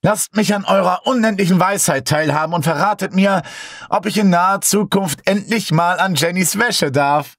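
A man's voice: high voice, normal speed, a bit bright, no room sound, clean studio sound, pitched above the performer's own voice. A man voicing a playful teenage boy who leads a seance in a mock-solemn, theatrical tone.

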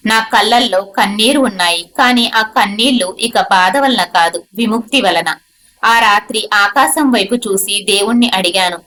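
A woman narrating an emotional first-person story in a soft, measured way. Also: medium pitch, a little hiss or hum, low-quality recording.

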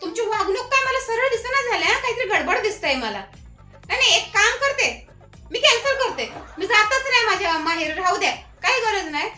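A woman's voice: very high-pitched, sing-song, brisk, sharp tone, echoey room, soft background music. A woman playing a suspicious, stubborn wife in a comic skit. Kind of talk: comic sketch acting.

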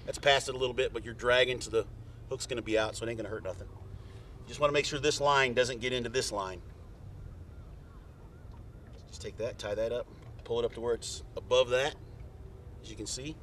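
Speaking a little fast in a fairly bright, medium-pitched voice and pausing often, a middle-aged fishing guide casually explains how to tie a fishing rig, one plain, folksy step at a time. The sound comes from a camera mic a few feet away out on a lake boat, giving distant outdoor audio with faint boat noise.

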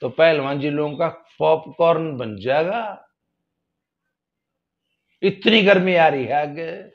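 A man giving casual spoken commentary, folksy and sarcastic, getting loud when he stresses a point. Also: fairly high pitch, takes it slowly, lo-fi sound. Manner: folksy, sarcastic, rises loudly for emphasis. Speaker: political commentator.

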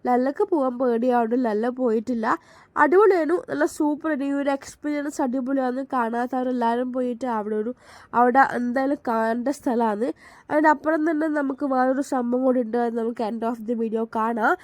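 Chatty high-voiced Malayali woman vlogger. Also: fairly quick, darkish tone, no echo. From Kerala. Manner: chatty and enthusiastic, with frequent restarts. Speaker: family vlogger. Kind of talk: casual voice-over narration.

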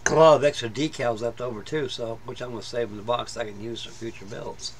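Here a middle-aged man sits at his hobby-room workbench, chatting about a model build in a rambling, plain-spoken way packed with fillers and restarts. He talks quickly in a mid-range voice with fairly even intonation, over slight background noise.

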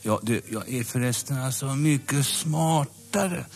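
A man's voice: medium pitch, faint music behind, lightly acted. An actor voicing a big jolly easygoing male bear in a dubbed audio drama, talking in a rambling, stammering, chuckling way. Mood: excited. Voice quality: gravelly, rough voice.

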